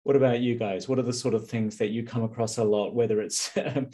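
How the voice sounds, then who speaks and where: A man's voice: medium pitch, fairly even intonation, fast talker, warm tone. A man hosting a podcast, asking questions in a reflective, conversational way. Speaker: podcast host. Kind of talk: casual interview.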